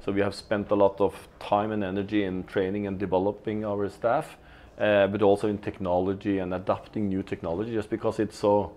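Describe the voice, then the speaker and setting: A Norwegian retail executive in his fifties gives business interview answers as a guest in a company studio in an office. His voice is on the low side, a little mellow and brisk with little pitch movement, and he sounds hesitant, often restarting and repeating words mid-sentence.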